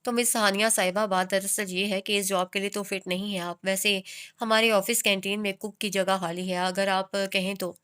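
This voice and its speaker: A woman reading the lines of a teasing young male boss in a romance novel, in her own smooth voice. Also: sits high, flat delivery, normal speed, pushed and bright.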